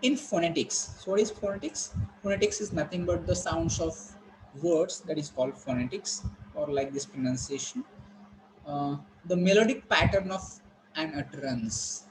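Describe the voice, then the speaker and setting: A man teaches an online college lesson. His voice sits fairly high, and he explains patiently with repeated phrases and "uh" fillers. Faint background noise runs under the call. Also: lively intonation, rough recording. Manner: explaining slowly with many fillers and repetitions. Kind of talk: online class lecture. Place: online class.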